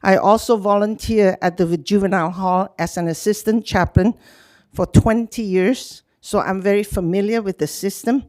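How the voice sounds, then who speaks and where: An older woman, addresses a public meeting in an animated, talkative way. Her voice sits at an ordinary pitch. The sound is dry and close. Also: moderate pace, no room sound. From Hong Kong, grew up in Indonesia. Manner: animated, talkative, frequent laughs. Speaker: nonprofit youth program leader. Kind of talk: speaking at a public city meeting.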